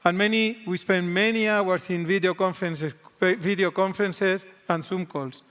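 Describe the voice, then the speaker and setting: A middle-aged native Spanish speaker with a strong Spanish accent, his voice sitting high with a steady, fairly bright tone at normal speed. He speaks earnestly as a guest executive on a keynote stage in a large convention hall, making some restarts in his second-language English, and the recording echoes with the big room.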